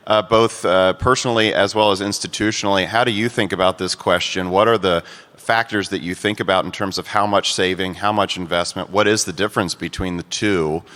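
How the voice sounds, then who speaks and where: Bright, deep-voiced man moderating. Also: long reverb tail. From United States. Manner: hesitant, many filler sounds. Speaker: panel moderator. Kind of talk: moderating a conference panel. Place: conference hall.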